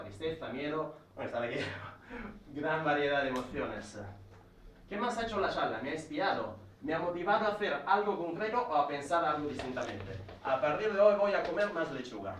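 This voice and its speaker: A man's voice: a little high, slight background noise. A man from Italy with an Italian accent gives an educational talk at a speaking club, methodically listing points and explaining each with examples. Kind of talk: educational talk to a live audience. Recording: echoey room, recorded from a distance.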